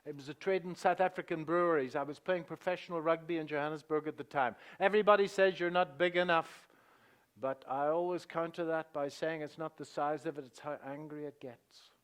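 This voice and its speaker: Presenting live at a conference from the front of a hall, a middle-aged seminar speaker from England with a Northern Irish accent chats and jokes with the audience. His smooth, fairly bright voice sits a bit high for a man, with fairly even intonation, "uh" fillers, and quick asides dropped low.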